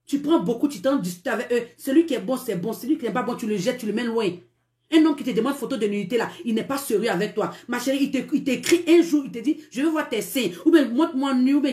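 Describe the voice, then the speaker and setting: A woman's voice: on the high side, darkish tone, reverberant. A woman with a Cameroonian French accent hosting a live stream with dating advice, scolding emphatically, repeating herself and laughing as she talks. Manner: emphatic, scolding, repetitive, laughs while talking. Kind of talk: live-stream relationship talk.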